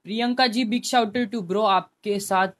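High-voiced young man chatting on stream. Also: steady tone, slow, a bit bright. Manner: chatty, talks to chat viewers by name, pleading at times. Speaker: game streamer. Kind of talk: casual live-stream chat. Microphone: headphone mic.

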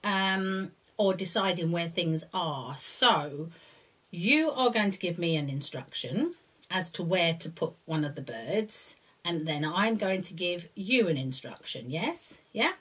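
A middle-aged woman presenting a lesson to young children with a puppet, speaking in simple, singsong, deliberate phrases with questioning tags. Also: lowish voice, expressive, a bit bright, slightly rough. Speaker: early years teacher presenting a puppet lesson. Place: indoors, seated before a brick-patterned backdrop.

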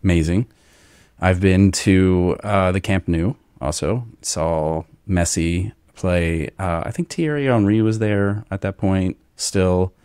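A man's voice: sits low, slow, darkish tone, clear, resonant tone, no room sound, studio quality. A man from Kentucky hosting a podcast, chatting casually and rambling, with filler words. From Northern Kentucky, US. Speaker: podcast host. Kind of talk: casual chat.

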